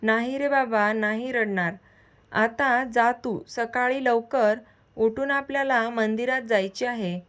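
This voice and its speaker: A woman voicing a gentle, wise middle-aged aunt who soothes and gently scolds her nephew. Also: on the high side, slow pace. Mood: tender.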